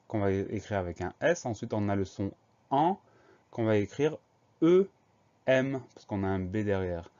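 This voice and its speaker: A man teaching a spelling lesson, who speaks slowly and spells each word out letter by letter. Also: on the low side, warm tone. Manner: slow, spells words out letter by letter. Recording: dull lo-fi sound.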